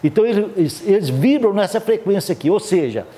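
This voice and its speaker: A man's voice: high voice, expressive, fast, mellow. A man lecturing a live audience at a spiritist seminar, explaining step by step and checking in with listeners often. He speaks with a Brazilian Portuguese accent.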